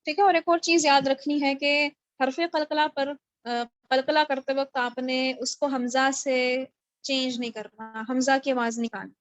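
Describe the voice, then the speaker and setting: A woman's voice: high-pitched, fairly even intonation, dry recording, highs cut off. A woman teaching Quran recitation in an online class, explaining patiently and checking her students follow. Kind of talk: online tajweed lesson. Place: home, on a video call. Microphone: video call mic.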